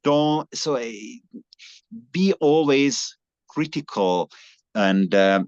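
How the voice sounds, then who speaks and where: With a mid-range voice, lively intonation and drawn-out words, this Hungarian man sounds darkish yet clear and resonant. A native speaker and long-distance cyclist, he's an earnest guest in a conversational interview, often restarting sentences and using fillers. There's no room sound in the slightly dull lo-fi recording.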